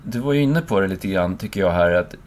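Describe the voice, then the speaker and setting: A man, a speaker who gives lectures, reflecting aloud in a relaxed conversation, searching for words and acting out his own inner voice. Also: deep voice, a little hiss or hum.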